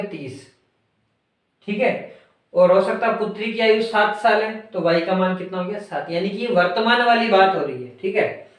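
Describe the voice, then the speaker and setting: A man teaching a maths lesson, who keeps asking his class questions and answers them himself. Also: sits high. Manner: asks and answers his own questions, repeats key words. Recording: very echoey room, voice far from mic.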